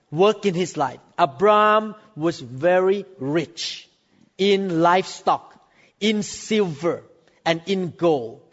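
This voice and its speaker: A Thai man in his sixties delivers a sermon, drawing out emphatic phrases and jumping suddenly up in pitch. The audio sounds dull, with a long hall reverb.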